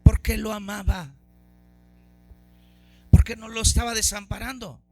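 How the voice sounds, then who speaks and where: A man preaching a sermon as pastor, fervent, swinging between loud exclamations and soft low asides. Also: flat delivery, measured pace, gravelly, soft background music.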